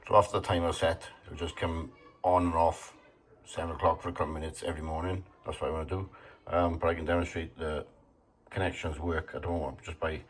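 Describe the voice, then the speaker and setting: A hobbyist with a very deep voice shows off a homemade gadget in a shed and garden, partly outdoors. He demonstrates hands-on in short, plain, matter-of-fact phrases, casually, and the recording has a little hiss or hum.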